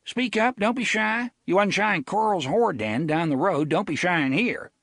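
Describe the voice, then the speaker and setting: A man voicing a fat, hungover small-town sheriff who talks in a folksy rustic dialect and scolds loudly. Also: sits high, expressive, moderate pace, creaky, no room sound, clean studio sound, pitched above the performer's own voice, heavily acted. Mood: scolding.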